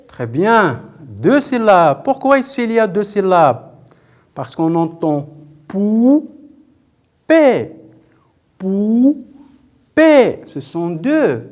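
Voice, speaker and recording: A man with a high voice and wide pitch swings teaches a televised primary school lesson at a slow pace. Patient and repetitive, he questions the pupils, praises them, and spells out words syllable by syllable.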